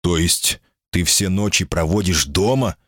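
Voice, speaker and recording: A man's voice: low voice, unhurried, fairly bright tone, breathy edge, no echo, studio quality, heavily acted. A man voicing an impatient proud jinni. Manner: curt and impatient. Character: proud, impatient male jinni in human form. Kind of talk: audiobook character voicing.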